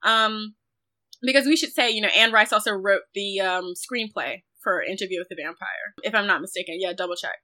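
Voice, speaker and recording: A woman with a medium-pitched, sharp voice talks fairly quickly as a guest critic on a reflective film discussion interview. She comes across as thoughtful and careful, adding qualifications to her points along the way.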